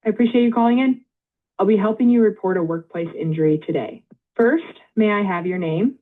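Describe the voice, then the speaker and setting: Automated phone-line woman's voice, tinny. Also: medium pitch. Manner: polite, measured, reads back details. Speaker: AI phone intake agent. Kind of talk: scripted automated phone prompts.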